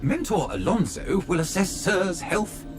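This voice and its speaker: A man's voice: sits high, sing-song, unhurried. A man voicing a polite, fawning male butler robot who is formal and obsequious and calls his master sir, in video game dialogue. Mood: deferential. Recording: game audio with background music.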